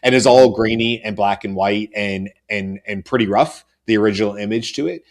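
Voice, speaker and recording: A man's voice: fairly low pitch, normal speed. A middle-aged man co-hosting a panel show, chatting casually with many fillers and restarts. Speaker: co-host.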